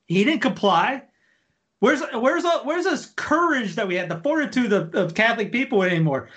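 A man's voice: very high voice, lively intonation, moderate pace, a bit bright, husky. A man speaking as a guest on a talk show, impassioned and preachy, ranting in bursts. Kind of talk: casual talk show chat.

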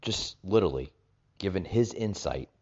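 A man with a deep voice delivers political commentary as a podcast host. He talks in a halting way and repeats phrases to drive points home. The sound is echoey and somewhat dull, like a makeshift setup in a rental room. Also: expressive, a little mellow, breathy edge. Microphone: makeshift setup without usual equipment.

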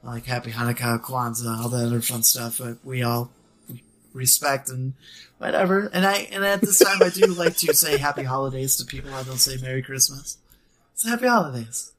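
A man's voice: mid-range voice, moderate pace, fairly bright tone. A man hosting a podcast, chatting casually and rambling with many fillers and laughs. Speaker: podcast host. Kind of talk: casual chat.

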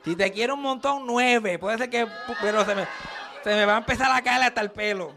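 A young man performs live stand-up on a comedy stage in a very high voice that runs a little fast, with vocal fry and a slight hiss or hum. He tells crude stories in an animated way and acts out the lines he quotes.

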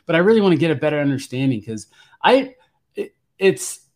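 A man hosting a podcast interview, asking questions in a halting, friendly way with many restarts. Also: fairly high pitch, sing-song, darkish tone. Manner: hesitant, stammering restarts. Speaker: podcast host. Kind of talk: casual interview.

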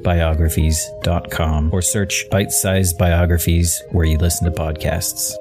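A man reading a scripted podcast promo in a smooth, measured delivery. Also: deep voice, level tone. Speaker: promo narrator. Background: music.

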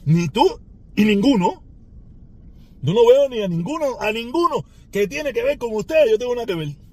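A man's voice: very high-pitched, expressive, normal speed. A man with a Cuban Spanish accent, ranting at a rival on his podcast in a taunting, sarcastic way with mocking laughs. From Cuba. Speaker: podcast host.

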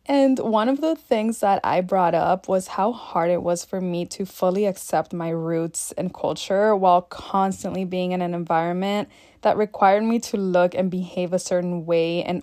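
A woman's voice: on the low side, darkish tone, dry recording, clean studio sound. A young woman hosting a podcast, telling personal stories in a candid, casual way with some swearing. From Mexico and Texas. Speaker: podcast host. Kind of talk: personal storytelling monologue.

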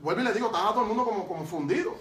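A man telling his testimony as a preacher, lively and emphatic, with frequent fillers. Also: sits high, racing, a little hiss or hum. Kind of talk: storytelling testimony. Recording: roomy sound from far off.

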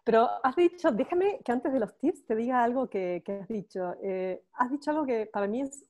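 A woman's voice: on the high side, lively intonation, normal speed, darkish tone. A woman in her forties from Argentina, with a Buenos Aires accent, telling stories as a podcast guest, with hesitant repeats. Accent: Buenos Aires Spanish. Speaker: guest, cosmetics expert. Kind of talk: casual podcast interview.

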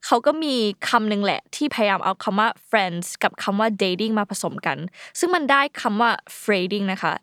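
A young woman hosts a casual explainer podcast in a chatty, slangy way, stopping now and then to spell words out letter by letter. Her pitch bounces around a lot as she talks. The sound is close and dry, with no room around it. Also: lively intonation, normal speed, few pauses, a bit bright, dry recording. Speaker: podcast host.

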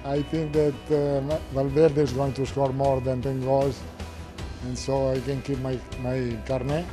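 A man with foreign-accented English, not a native speaker, giving halting post-match remarks. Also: mid-range voice, flat delivery. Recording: loud music laid over speech.

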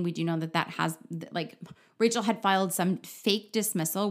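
A woman hosting a podcast, giving a blunt, opinionated, casual recap of a TV show and often restarting her sentences. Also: mid-range voice. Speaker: podcast host.

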